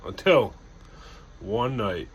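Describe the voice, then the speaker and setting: A man's voice: lowish voice, lively intonation, drawn-out words, a little hiss or hum. A man hosting a ghost story channel, telling a tale casually with loose self-corrections and dramatic emphasis. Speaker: storyteller host.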